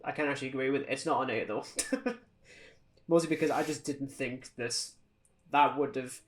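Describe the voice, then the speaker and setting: This is a British podcast co-host casually reviewing films, his mid-range voice at normal speed. He comes across as opinionated and sardonic, given to rants.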